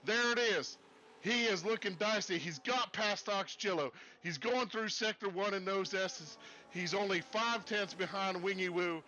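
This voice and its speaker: A man commentating a sim race in a put-on Texas accent, folksy and excitable. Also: high voice, unhurried, lo-fi sound.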